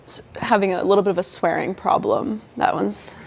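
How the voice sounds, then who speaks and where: Young woman with a gravelly edge. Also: medium pitch, fairly even intonation, a little fast, a little mellow. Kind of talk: casual interview answers.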